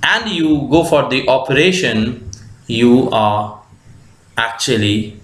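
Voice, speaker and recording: A man with an Indian English accent reading a story aloud and explaining it as a teacher, with slow, deliberate phrasing and frequent fillers. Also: medium pitch, animated, fairly bright tone, reverberant.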